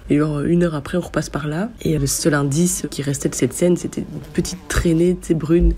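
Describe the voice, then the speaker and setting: A woman's voice: deep voice, fairly even intonation, fairly quick, warm tone. A woman telling a crude personal anecdote in a vivid, hesitant way, with many fillers. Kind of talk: casual storytelling.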